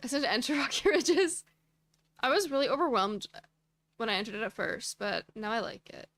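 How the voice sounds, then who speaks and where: A woman livestreaming a game talks in a loose, rambling way, answering her chat between moves. Her voice sits fairly high. The sound is dry and close, with no room echo. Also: lively intonation, a little fast. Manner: chatty, reacts to viewer chat, rambling asides. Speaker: streamer. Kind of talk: casual livestream chat while playing.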